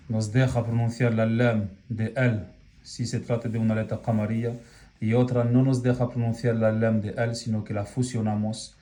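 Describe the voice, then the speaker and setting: A male teacher giving a video lesson at an unhurried, deliberate pace. He draws out each example word and keeps pausing to check that the listener follows. His voice sits at an ordinary middle pitch. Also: warm tone. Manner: patient, drawn-out examples with frequent "¿ok?" check-ins. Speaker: Arabic teacher. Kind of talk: slow classroom explanation.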